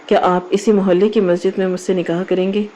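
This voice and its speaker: A woman's voice: medium pitch, little pitch movement, dark tone, a little hiss or hum, close to an everyday voice. A woman voicing a tearful orphaned young woman.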